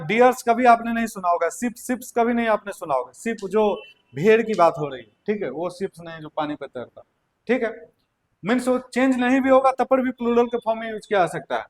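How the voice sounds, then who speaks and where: A male teacher giving a language grammar lecture, repeating key points and checking in with his students often. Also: high voice. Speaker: English teacher. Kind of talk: classroom lecture.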